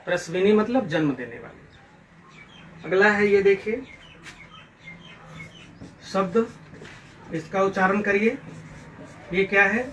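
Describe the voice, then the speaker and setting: Slow, bright-voiced Hindi teacher from afar. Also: male voice, high voice. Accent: Bihari Hindi. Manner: slow, drills pronunciation by repeating words. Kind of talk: recorded online class lecture. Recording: distant mic with faint background noise.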